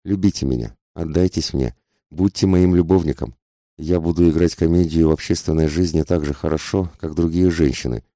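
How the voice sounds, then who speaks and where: A man's voice: rumbling low, brisk, mellow, no echo, clean studio sound. A man voicing a passionate, desperate society woman who pleads for love in an intense, angry half-whisper.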